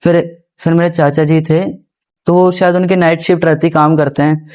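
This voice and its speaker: A young man appears as a podcast guest, earnestly telling a personal story in a casual, first-person way and often addressing the host as guruji. His voice is slightly high and a little mellow, with little pitch movement and a moderate pace. He rambles respectfully, restarting and repeating phrases.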